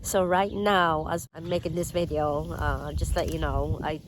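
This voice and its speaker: Filipina woman with a Filipino accent, stuffy nasal voice while sick, halting outdoor vlog intro with faint noise behind. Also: low voice, level tone. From Philippines. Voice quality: nasal, congested. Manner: halting, many fillers and restarts. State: sick with a bad cold. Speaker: vlogger. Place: outdoors in a yard.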